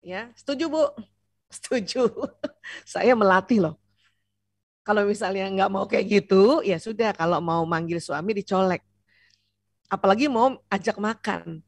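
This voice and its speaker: A woman giving a seminar lecture on family life, lively and playful, teasing the audience and asking it questions. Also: medium pitch, a little slow, pauses often, dry recording. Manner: asks the audience questions and answers them. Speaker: seminar speaker.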